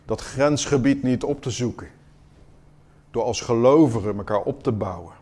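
A man's voice: mid-range voice, normal speed. Earnest man preaching a sermon. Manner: earnest, questioning, swings between quiet and emphatic.

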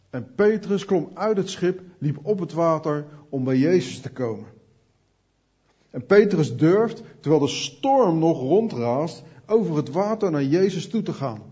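A man's voice: a little high, mellow, breathy edge, dull audio. A man preaching an earnest sermon, speaking directly to his listeners.

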